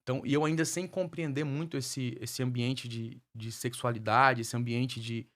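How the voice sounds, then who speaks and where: A man's voice: mid-range voice, steady tone, normal speed, fairly bright tone. A man, a guest minister, tells his life story as a testimony in a fervent preaching cadence and repeats phrases for emphasis.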